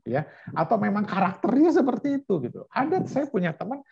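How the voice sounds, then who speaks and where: A man's voice: sits high, very animated, a little fast, gravelly, a little mellow, breathy edge, no echo, dull audio. A man teaching a Bible school class over a video call in a chatty, hesitant way, with many fillers. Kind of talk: online class lecture.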